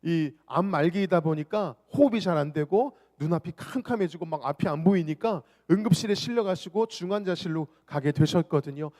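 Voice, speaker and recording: A male pastor preaching an evangelistic sermon, telling a personal story earnestly and addressing the congregation directly. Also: high voice. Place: church sanctuary. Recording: long church reverb with music underneath. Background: soft worship music.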